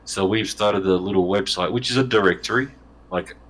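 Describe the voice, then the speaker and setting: A man's voice: deep voice, a little fast, fairly bright tone. A man guest in a casual interview, talking at length in a loose, joking way with frequent restarts. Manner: rambling, joking, self-correcting.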